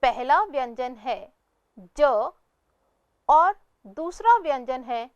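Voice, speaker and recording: Very slow high-voiced woman teaching. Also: lively intonation, fairly bright tone, dry recording. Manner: slow, deliberate syllable-by-syllable pronunciation; asks pupils questions and answers them herself. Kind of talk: slow scripted lesson narration.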